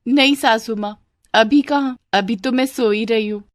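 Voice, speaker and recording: Lady doing a sassy young bahu, higher voice, teasing, dry sound. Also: unhurried, dry recording, close to an everyday voice. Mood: cheeky. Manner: cheeky, teasing back-talk. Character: cheeky young newlywed daughter-in-law.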